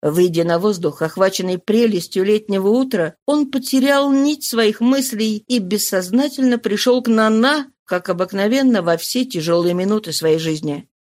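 A woman narrating an audiobook in a measured, even reading. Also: mid-range voice.

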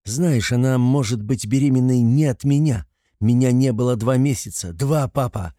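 A man's voice: fairly low pitch, moderate pace, mellow, no room sound, studio quality, natural voice. A man voicing a nervous, defensive young man who is someone's adult son, in an audiobook. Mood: flustered. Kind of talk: audiobook character voice.

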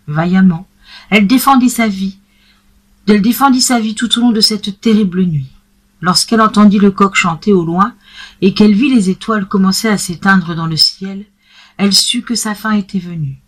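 A woman calmly narrating a classic tale in a measured storytelling manner. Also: medium pitch.

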